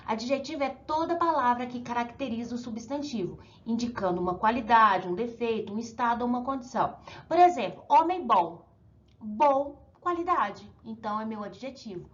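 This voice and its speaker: A Brazilian woman, a primary school teacher, leads a recorded classroom lesson for children in a somewhat high, lively voice, and the high frequencies are cut off. Her Brazilian Portuguese accent comes through a sing-song manner as she draws out example words and checks in with her young pupils often.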